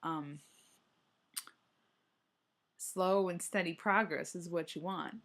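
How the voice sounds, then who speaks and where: Rambling young woman on a vlog, lowish voice. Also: slow, fairly bright tone. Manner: rambling, hesitant, trailing off and restarting. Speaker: running vlogger. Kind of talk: casual solo vlog chat.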